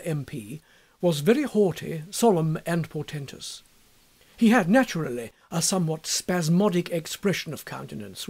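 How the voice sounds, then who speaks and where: A man reading a classic story aloud in a wry, measured narrating style. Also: fairly high pitch, a little mellow. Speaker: audiobook reader.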